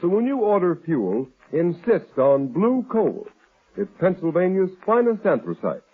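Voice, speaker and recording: A man announcing and pitching for a sponsor in emphatic, declamatory 1930s radio style. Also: very animated, measured pace, slightly rough. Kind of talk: 1930s dramatic announcing and ad reading. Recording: tinny old radio recording, faint music.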